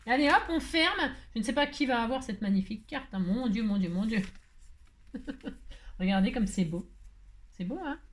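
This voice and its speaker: A woman's voice: fairly high pitch, expressive, moderate pace, pauses often. Chatty playful woman crafter. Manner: chatty, playful, full of filler tags. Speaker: craft video host. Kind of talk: casual crafting tutorial.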